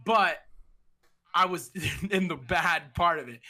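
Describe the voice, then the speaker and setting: A young man, a streamer, telling a story in a casual conversation, animated and slangy, acting out what other people said. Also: on the high side, takes it slowly. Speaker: streamer guest.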